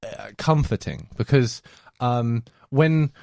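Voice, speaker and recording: A man's voice: mid-range voice, takes it slowly, creaky, no room sound. Guy rambling on a podcast, lots of likes and ums, dry close sound. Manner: animated, rambling with fillers. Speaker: podcast guest. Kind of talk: casual chat.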